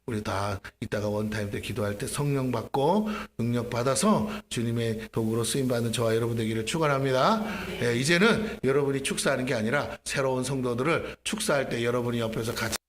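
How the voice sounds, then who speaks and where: A man, the senior pastor, preaching a lively sermon in a church, acting out his prayers and questioning the congregation. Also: medium pitch, a little fast, hardly any pauses. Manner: animated, acts out his own prayers and asks the congregation questions. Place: church sanctuary.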